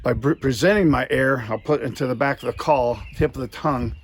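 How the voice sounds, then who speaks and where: A man's voice: mid-range voice, fairly quick, slightly rough. Folksy man giving a hands-on lesson. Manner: folksy, explanatory, step by step. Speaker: duck calling instructor. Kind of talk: instructional demonstration, informal.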